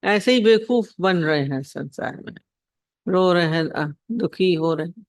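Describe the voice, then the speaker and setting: A man's voice: high-pitched, measured pace, no room sound, studio quality. A man giving a devotional discourse on scripture as a spiritual teacher. He repeats his points and asks his listeners rhetorical questions.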